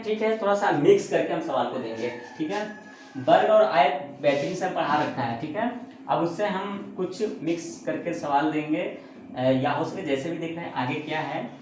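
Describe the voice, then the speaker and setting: Man teaching math, a bit high-pitched, banters with himself between steps; heavy room echo. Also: background noise. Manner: asks and answers his own questions; chatty, joking asides. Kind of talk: classroom math lesson. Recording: very echoey room.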